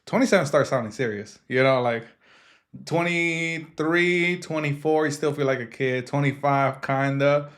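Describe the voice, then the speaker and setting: A man's voice: fairly high pitch, moderate pace, fairly bright tone. A man in his twenties hosting a podcast, chatting casually and joking with lots of fillers. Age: 20s. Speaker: podcast host. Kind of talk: casual chat.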